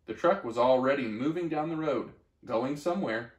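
Man, children's story read aloud, gentle, expressive, mid pitch, echoey room. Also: normal speed, lo-fi sound, a little hiss or hum. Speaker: story reader.

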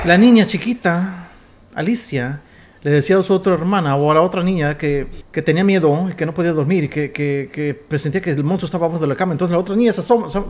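A Mexican man commentating his gameplay casually, excitable and quick to swear, stammering as he tells stories. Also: a little high. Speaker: gamer. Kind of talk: casual let's play commentary.

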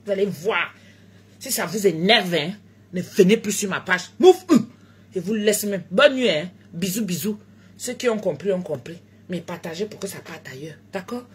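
A tired woman chatting live to her followers, animated, jumping between loud exclamations and low murmurs and joking in broken English. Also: moderate pace, husky. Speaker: food seller live-streaming on social media. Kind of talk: casual live chat to followers.

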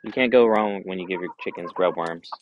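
A man in his thirties with a very low voice, talking easily and unhurriedly to a camera set a few meters away in an open backyard. He stumbles into restarts and fillers now and then. Faint outdoor noise and hens clucking sit behind him. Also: a little fast, dull audio. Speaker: vlogger reviewing chicken feed. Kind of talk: casual product review vlog. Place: outdoors in a backyard by a chicken coop. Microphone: camera on a tripod a few meters away. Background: chickens clucking.

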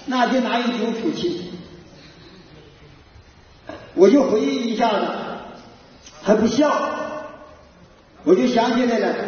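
A man's voice: extremely high pitch, a little mellow. An older man from Northeast China with a Northeastern Mandarin accent, giving a folksy storytelling lecture and acting out the dialogue. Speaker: folk moral lecturer. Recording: echoey hall, distant dull lo-fi mic.

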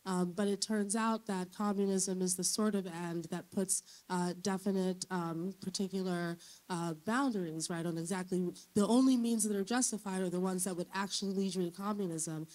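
A woman in a conference audience asks a long question, her voice going hoarse. She searches for words and corrects herself as she goes. Her pitch sits in an ordinary middle range. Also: steady tone, moderate pace, a little mellow, poor audio. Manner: earnest, searching, self-correcting. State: losing her voice. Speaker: audience member asking a question. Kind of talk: academic question.

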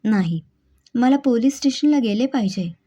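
A woman's voice: on the high side, animated, moderate pace, dark tone. A woman voicing an anxious, upset grown son who pleads in a raised voice, in a spoken story. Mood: alarmed. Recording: dull lo-fi recording.

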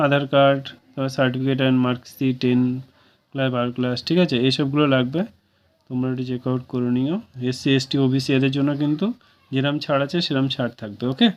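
A man's voice: medium pitch, fairly even intonation, a little fast. A man with a Bengali accent, going through a job vacancy notice for viewers in a casual, chatty way and checking in often to ask if they follow. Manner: casual, keeps asking "okay?" to viewers. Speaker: job news presenter. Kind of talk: informal job-vacancy explainer. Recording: dull lo-fi recording.

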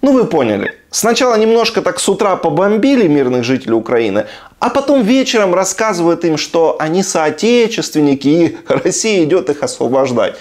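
A man from Ukraine comments on clips in a sardonic, incredulous way. His voice sits fairly high and swings widely in pitch. It sounds like a video blogger talking at home. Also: sing-song, brisk, darkish tone. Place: room at home.

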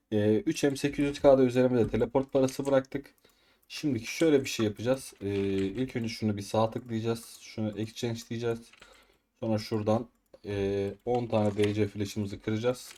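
Gaming host, male, mid-pitched, chatty play-by-play, easily riled, keyboard clatter behind. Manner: excitable, frustrated outbursts while upgrading items. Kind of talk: casual gameplay commentary. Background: keyboard typing and mouse clicks.

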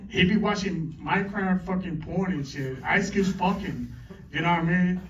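A man's voice: sits high, moderate pace. A middle-aged man doing a stand-up comedy set on a club stage, teasing the crowd with crude banter. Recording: echoey club, distant mic, dull lo-fi.

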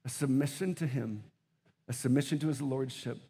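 A man preaching a sermon as pastor, moving between hushed, slow prayer and loud, quick bursts, acting out scripture scenes in mock voices. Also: mid-range voice, breathy edge, big-room sound. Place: church auditorium.

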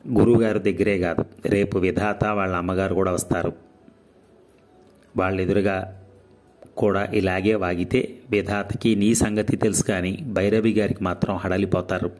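A stern middle-aged mother in an audio story, scolding in a sharp tone, as a male narrator puts her on. The voice stays low and firm, close to the reader's own. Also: little pitch movement, normal speed, lightly acted.

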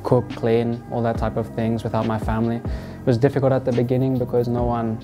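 A young man from Australia, a football player answering interview questions in a relaxed, halting way with many fillers. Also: medium pitch. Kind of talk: sit-down interview. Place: indoors in front of a wall of football boots. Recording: music playing underneath.

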